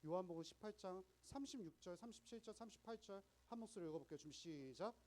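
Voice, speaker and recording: A man's voice: high-pitched, lively intonation, quick pace, darkish tone, rough recording. Chatty young male youth preacher. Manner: chatty, explaining, asks the audience questions. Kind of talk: sermon to teenagers.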